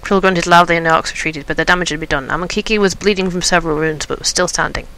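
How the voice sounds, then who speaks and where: A man's voice: a little high, steady tone, fast talker, low-quality recording. A man playing a game, reading its story aloud and thinking aloud in a chatty way. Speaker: game player and reader. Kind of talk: game playthrough with read-aloud narration. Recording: loud game music behind.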